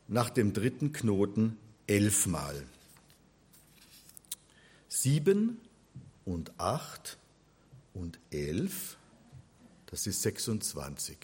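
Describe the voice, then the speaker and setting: Slow, husky man teaching. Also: mid-range voice, darkish tone. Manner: patient, spells things out step by step. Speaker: religion teacher. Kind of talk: explanatory lecture.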